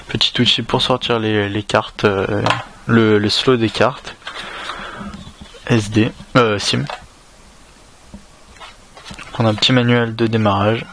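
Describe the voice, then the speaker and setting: A man's voice: lowish voice, a little hiss or hum. A man with a French accent giving a casual unboxing commentary, hesitant and full of fillers and restarts. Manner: casual, relaxed. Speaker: tech reviewer.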